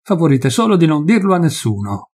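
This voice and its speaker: Man reading as a gruff stern forest warden. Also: on the high side, big pitch swings, a little fast, darkish tone, voice pushed up, heavily acted. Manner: curt, gruff.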